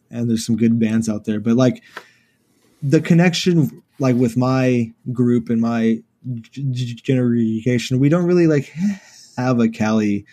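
Young man, from houston, laid-back filler-heavy chat, mellow dark tone. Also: medium pitch. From Houston, Texas, USA. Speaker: guest musician. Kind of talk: casual interview chat.

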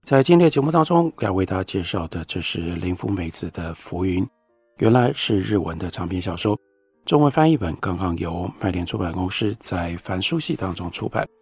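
Low raspy guy, radio book host, reads in a measured, reflective way, lively pitch. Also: dry recording, soft background music. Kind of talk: literary book talk and reading aloud. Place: radio studio. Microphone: studio microphone.

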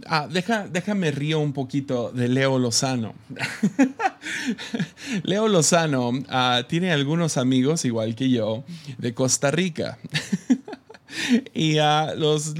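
A Mexican man speaking to his church in a casual, reflective talk. He laughs often and fills his speech with hesitations and restarts. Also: medium pitch. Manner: chatty, laughs often, many fillers and restarts.

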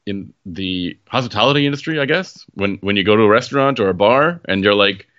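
A man's voice: lowish voice, brisk, a bit bright, muffled recording. A man co-hosting a podcast, chatting casually and asking questions while searching for words. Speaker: podcast co-host.

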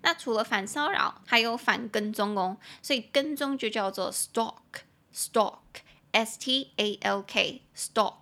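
A woman hosts a bilingual English lesson podcast. Her voice is bright and sits a little high. She chats freely, then slows down to spell and repeat each English word. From Taiwan. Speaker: podcast host teaching English.

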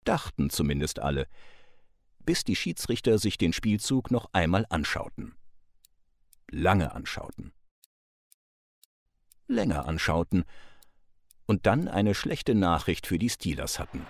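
A man giving scripted documentary narration in a measured, dramatic way, with dry studio sound. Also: low voice, huge pitch swings, creaky, no echo. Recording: dry close studio voice-over.

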